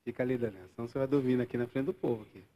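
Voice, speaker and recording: Preaching live in church, a Brazilian Portuguese-accented pastor jokes with his congregation and swings from loud exclamations to quiet asides. He talks rapid-fire in a mid-range voice, and the audio is dull.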